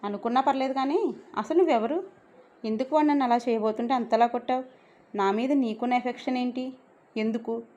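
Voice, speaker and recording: A woman's voice: on the high side, steady tone, quick pace, lo-fi sound, natural voice. A woman voicing a proud, bold young heroine who speaks her mind in a romance story. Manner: sharp-tongued and bold.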